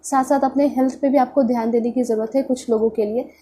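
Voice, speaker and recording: Indian woman, high mellow voice, nasal as if pinching her nose, congested with a cold, informal tarot reader, slight background noise. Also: steady tone, quick pace, breathy edge. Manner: mixes in English words, repeats check-in phrases. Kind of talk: informal tarot reading to viewers.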